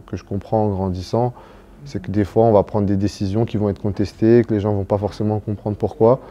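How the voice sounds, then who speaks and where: Soft-spoken young man, dark muffled tone. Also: lowish voice. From Cameroon, raised in Belgium. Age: young adult. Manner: hesitant, many fillers and restarts. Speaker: footballer being interviewed. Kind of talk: casual interview answers.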